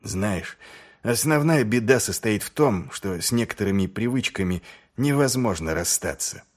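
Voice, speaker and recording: A man's voice: lively intonation, normal speed, natural voice. A man reading as Vimes, a sardonic, weary watch commander. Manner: dry, mocking, low and subdued.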